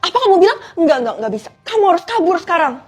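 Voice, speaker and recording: A woman's voice: very high voice, sing-song, fast, pitched above the performer's own voice. A woman voicing a worried, fussy mother who scolds and instructs her teenage child in a one-person POV skit. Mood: alarmed.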